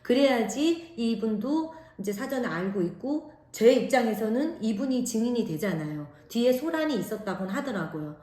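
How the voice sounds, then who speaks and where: A middle-aged woman from Korea with a naturally loud voice, telling a story in a lively casual way and acting out what people said. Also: a little high, moderate pace, few pauses, roomy sound. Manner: animated, acts out quoted lines. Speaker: vlogger, mother.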